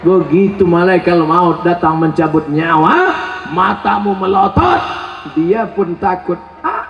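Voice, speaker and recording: Lively high-voiced male preacher, echoey. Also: a little slow, noisy background. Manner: animated, joking, shouts questions at the crowd. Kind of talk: humorous sermon to a crowd. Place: large event hall. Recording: echoey, dull lo-fi sound.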